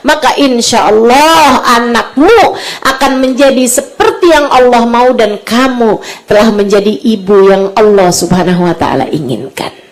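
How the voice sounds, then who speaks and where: A woman giving an Islamic sermon to mothers, moving between soft, hushed advice and lively raised storytelling. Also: high voice. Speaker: preacher.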